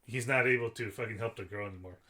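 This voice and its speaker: A man's voice: lowish voice, fast talker, pushed and bright. Laid-back cursing podcast co-host, man. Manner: laid-back, swears a lot, quotes lines loosely. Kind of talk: casual movie review chat.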